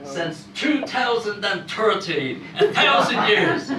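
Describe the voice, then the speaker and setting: A performer playing a weary, long-suffering ghost who grumbles hammily in a comic amateur pantomime. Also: medium pitch. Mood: weary, aggrieved. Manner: complaining, long-suffering, hammy. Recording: roomy echoing live hall, distant mic, noisy.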